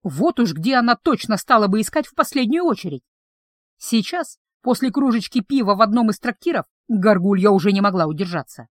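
A woman reading a fantasy story aloud as narrator, in calm, even storytelling. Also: medium pitch, a little fast, no echo. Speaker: audiobook narrator. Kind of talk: scripted narration.

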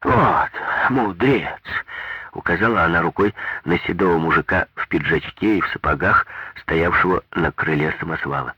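Husky, low-voiced male narrator. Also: a little fast, no echo. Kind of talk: audiobook reading. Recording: dull lo-fi dry recording.

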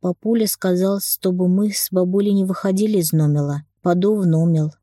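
A woman voicing a shy, sweet little girl who says l instead of r, with a soft, timid little voice. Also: on the low side, steady tone, a little fast, dry recording, clean studio sound, close to an everyday voice. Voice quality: childish speech, says l for r.

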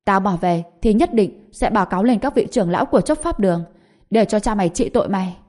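Woman reading an indignant older kinsman, scolding, blustering, mellow tone. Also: medium pitch, lively intonation, fast, close to an everyday voice. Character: older male clan relative, blustering and indignant.

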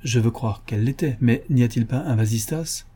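A man voicing a calm, self-assured gentleman detective in an audiobook, explaining his reasoning in a slightly dogmatic tone. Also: mid-range voice, a little fast, breathy edge, close to an everyday voice. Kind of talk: audiobook character reading.

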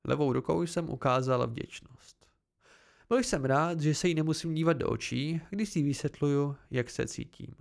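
A man reading an amateur audiobook aloud, telling the story in the first person at a calm, measured pace. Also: a little high, vocal fry. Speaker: audiobook reader.

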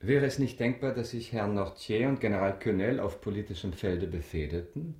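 A man in a German radio drama playing a suave, ironic count, courtly and measured with a subtle mockery. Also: lowish voice, darkish tone, roomy sound, close to an everyday voice. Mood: probing. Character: suave, ironic aristocratic count, coolly controlled avenger.

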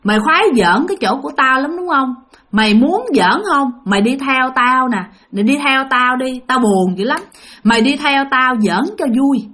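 A woman's voice: high-pitched, lively intonation, normal speed, fairly bright tone. A woman voicing a taunting Southern Vietnamese female ghost. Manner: taunting, coaxing.

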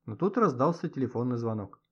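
Male audiobook narrator, expressive storytelling, husky voice, dull lo-fi audio. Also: medium pitch, fairly quick.

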